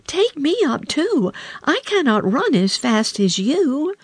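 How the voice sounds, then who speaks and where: A woman voicing a small, persistent male frog in a storybook reading, calling out in a high, plaintive voice. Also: big pitch swings, slow pace, no echo, heavily acted. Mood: pleading.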